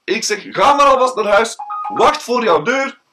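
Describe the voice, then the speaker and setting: A man telling an anecdote theatrically, with drawn-out, dramatic pauses. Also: very high voice, animated, pushed and bright, soft background music, poor audio. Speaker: storyteller. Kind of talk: told anecdote with a moral.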